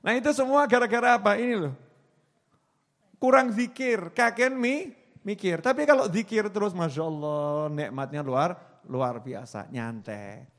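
A high-pitched man in his forties with a Javanese accent delivers a sermon. He talks in a lively, teasing way, repeating words for effect and slipping into local dialect. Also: measured pace. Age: 40s. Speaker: preacher. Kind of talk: sermon to a congregation.

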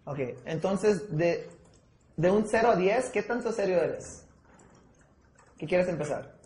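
A high-voiced man runs a sales training session, walking his group through objections and switching into English words mid-sentence. His voice bounces around an echoey room. He keeps up an energetic, coaching push. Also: slow pace, slight background noise. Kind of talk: sales training talk with role-play.

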